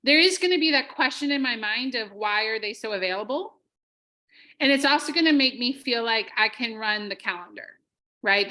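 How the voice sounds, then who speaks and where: A woman's voice: a little high, bright, forceful tone, rough recording. A woman leading a live online sales training, energetically drilling scripted phrases with her group.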